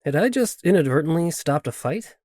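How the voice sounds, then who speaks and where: A man reading a first-person fantasy audiobook in a steady storytelling voice. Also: on the high side, a little fast, dry recording, studio quality. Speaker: audiobook narrator. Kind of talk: first-person fiction narration.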